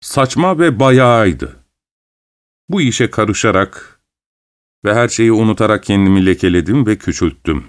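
A man narrating an audiobook voices a proud, irritable gentleman who speaks curtly and scornfully. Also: on the low side, expressive, a little slow. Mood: irritated. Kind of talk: audiobook character reading.

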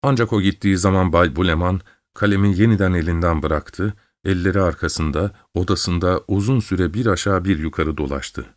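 A man narrating a story in a measured, steady reading. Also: low voice, no echo. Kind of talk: audiobook narration.

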